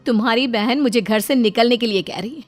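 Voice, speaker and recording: A loud, scheming young daughter-in-law, voiced by a woman in a home-made family drama story. Her voice climbs very high and shrill as she mocks and complains. Faint music plays underneath. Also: a little fast, natural voice. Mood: shrill complaining. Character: scheming young wife, loud and fake-sweet.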